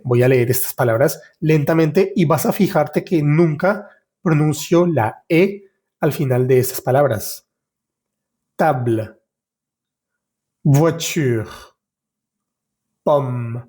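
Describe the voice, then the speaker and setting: A man teaching French in a podcast lesson, explaining patiently step by step, talking to the listener as his student and repeating example words slowly. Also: a little high, warm tone.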